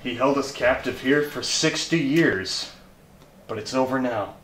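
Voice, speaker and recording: A man's voice: mid-range voice, expressive, a little slow, fairly bright tone. Vengeful, foul-mouthed livestock character played by a man, comedy sketch, varied intonation, echoey camcorder audio. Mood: bitter. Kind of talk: amateur comedy sketch acting. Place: indoor room at home. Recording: roomy home camcorder, faint music.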